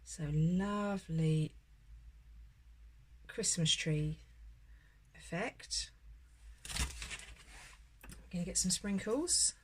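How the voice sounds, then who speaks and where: A woman's voice: lowish voice, extremely slow, pauses often, a little hiss or hum. A woman presenting a casual home baking tutorial, chatting and encouraging as she works through each step. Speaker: home baker demonstrating a recipe.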